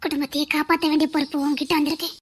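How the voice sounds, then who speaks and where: A woman's voice: high voice, little pitch movement, racing, close to an everyday voice. A woman voicing a grieving mother who lost her twin babies, speaking in an earnest, insistent and soothing way in an amateur audio drama.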